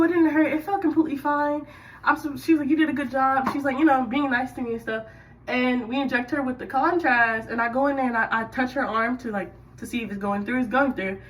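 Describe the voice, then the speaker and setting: A young woman in the military telling a casual work story while doing her hair, chatty and animated with sudden loud bursts. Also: high-pitched, fairly quick, recorded from a distance, poor audio.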